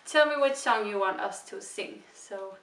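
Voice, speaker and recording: A woman with a Swedish accent chatting quickly and casually after recording a song cover, full of "like". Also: mid-range voice, fairly bright tone. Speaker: cover singer. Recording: roomy, mic at a distance.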